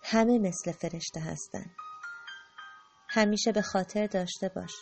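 A woman's voice: medium pitch, creaky, darkish tone, soft background music, close to an everyday voice. A woman voicing a great, wise spirit in an audiobook, speaking solemnly and reassuringly. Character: great wise spirit, calm and all-knowing.

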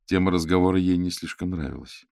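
A man reads a novel aloud in a steady, measured way. His voice is very low and gravelly, recorded close and dry. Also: dry recording. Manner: measured storytelling. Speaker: audiobook narrator. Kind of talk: scripted narration.

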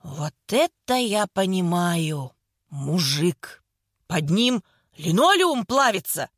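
A woman voicing a sharp-tongued older woman in a hospital bed, hoarse and sarcastic, teasing without mercy. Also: lowish voice, big pitch swings, slow pace, no room sound, clean studio sound, voice pushed down, exaggerated voice. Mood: mocking.

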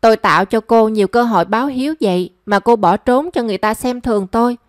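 A stern older mother speaks with cold, reproachful bitterness, voiced by a woman reading the story. Her voice sits somewhat high and sounds close and dry. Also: fast talker, no room sound, natural voice. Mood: bitter, cold.

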